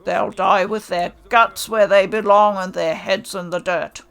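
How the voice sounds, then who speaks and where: A woman's voice: fairly low pitch, takes it slowly, vocal fry, a bit bright, exaggerated voice. A woman voicing a stern, harsh male samurai commander who scolds with contempt. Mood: scornful.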